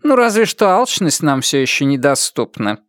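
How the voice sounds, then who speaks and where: A man's voice: a little high, big pitch swings, normal speed, no echo, studio quality, voice pushed up. A man voicing an earnest male robot cat pirate who explains his feelings in an audiobook.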